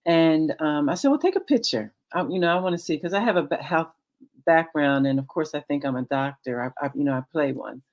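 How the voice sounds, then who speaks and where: A woman in her late sixties, a guest on a video chat, tells her story slowly, with frequent ums and pauses. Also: deep voice, animated, a little mellow. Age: 60s. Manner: unhurried, halting with many ums. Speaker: guest, author and cancer survivor. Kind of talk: casual chat, personal testimony. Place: video call.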